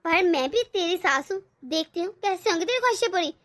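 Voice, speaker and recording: A woman's voice: very high voice, expressive, fast talker, fairly bright tone. A woman voicing a domineering, scheming middle-aged mother-in-law in a cartoon, scolding and sarcastic. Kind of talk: animated cartoon voice acting.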